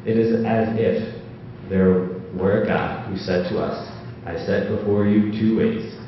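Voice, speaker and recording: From the floor of a large auditorium, a male audience member speaks at a measured pace in a fairly low voice with little pitch movement. His hesitant, um-filled speech gains force, rising and growing louder, whenever he reads a quote. The sound is far off, echoey and dull, carrying a little hiss or hum.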